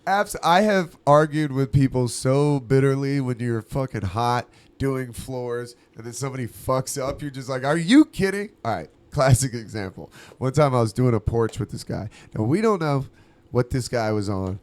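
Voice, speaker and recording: A man on a casual podcast who tells stories with lots of swearing and laughter. His voice sits at an ordinary middle pitch, but it leaps up sharply whenever he acts out someone he is quoting. The delivery stays loose and lively. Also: normal speed. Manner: animated, profane, laughs through his stories; acts out quoted voices with big pitch jumps. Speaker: podcast co-host. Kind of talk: casual storytelling chat.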